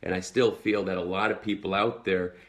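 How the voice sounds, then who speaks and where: A Swedish man in his twenties speaks with an American accent he picked up in the United States, his voice deep and his intonation fairly even. A network marketing entrepreneur, he talks briskly to followers in a live video, earnest and motivational, with lots of fillers.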